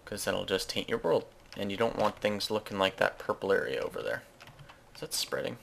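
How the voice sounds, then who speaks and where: A man's voice: fairly low pitch, a little fast, gravelly, fairly bright tone, slight background noise. A man giving casual, rambling commentary as he plays a game, often correcting himself mid-sentence. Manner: rambling, self-correcting, chatty asides. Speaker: Let's Play host.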